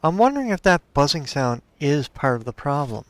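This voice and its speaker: A man's voice: fairly high pitch, sing-song, a little fast. A man giving casual gameplay commentary as a let's play host, thinking aloud and talking to his viewers.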